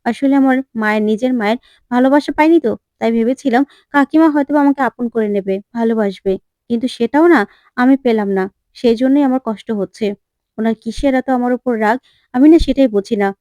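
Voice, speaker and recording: A gentle young daughter-in-law who is hurt and speaks softly, as a woman narrator reads her part. The voice is fairly high and close to the mic. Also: a little fast, no echo, natural voice. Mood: earnest.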